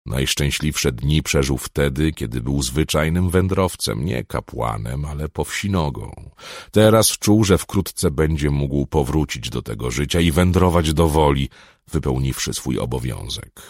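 A man's voice: a bass voice, animated, a little slow, dry recording, clean studio sound. A man reading an audiobook aloud in a dramatic style, swelling on tense moments. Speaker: audiobook narrator. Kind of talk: scripted audiobook narration.

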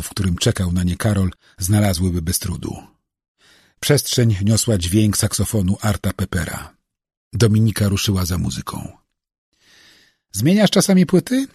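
A man reading a novel aloud as narrator, telling the story in a measured way and giving voice to each character. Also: fairly low pitch, a little mellow, breathy edge, dry recording, clean studio sound. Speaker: audiobook narrator. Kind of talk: scripted narration.

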